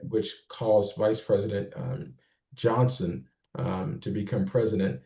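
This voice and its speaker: A man speaking at an online meeting, thinking aloud with many pauses and fillers. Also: on the low side, vocal fry, warm tone, reverberant, dull audio. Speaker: guest speaker.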